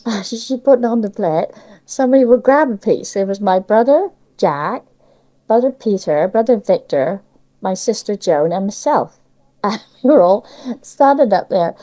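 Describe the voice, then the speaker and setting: Speaking with a warm, medium-pitched voice, an elderly Cornish woman chats about her local memories for an interview. She uses dialect, a Cornish accent, and plenty of tag questions as she reminisces in a relaxed way.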